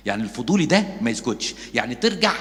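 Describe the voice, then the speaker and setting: A man with an Egyptian Arabic accent preaches at a quick pace, slipping into the voices of the gossips and mockers he describes. His mid-pitched voice rings out with the long reverb of a church hall. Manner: lively storytelling, acting out gossips and mockers. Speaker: Coptic priest. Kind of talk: sermon.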